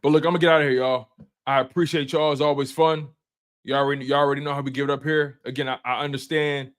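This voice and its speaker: This twenty-something sports stream host keeps the chat with viewers casual and full of slang, often saying things again and restarting his sentences. He speaks in a mid-range voice.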